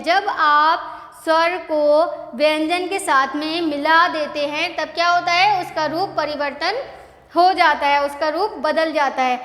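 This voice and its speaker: A woman's voice: sits high, fairly bright tone. A woman teacher giving a patient classroom lesson, asking the class questions and repeating the answers. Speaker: school teacher. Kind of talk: classroom lesson on vowels, dictating slowly. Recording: echoey classroom with long reverb.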